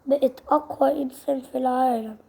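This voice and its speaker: A woman with an Egyptian Arabic accent hosting a casual game video, voicing its characters in a lively way and repeating phrases over and over. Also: high voice, fast, vocal fry, husky. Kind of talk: casual game-movie role-play narration.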